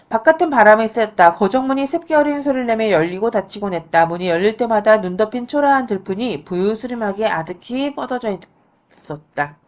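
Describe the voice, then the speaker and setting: A woman teaching literature, reading a story aloud and stopping to explain it in a chatty way. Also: mid-range voice. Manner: reads dialogue with light voicing, then explains in an easy chatty tone.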